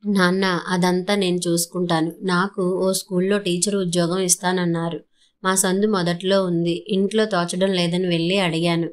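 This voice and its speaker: Woman reading as a cutting sarcastic young wife, lowish voice, pretty flat. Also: normal speed, lightly acted. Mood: determined. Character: sharp-tongued young married woman, angry and defiant.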